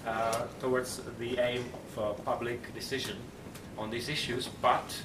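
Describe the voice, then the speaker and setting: A man with a Czech accent giving formal panel remarks in halting, deliberate phrases. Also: mid-range voice, little pitch movement. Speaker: politician, panelist. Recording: echoey, noisy room, distant mic.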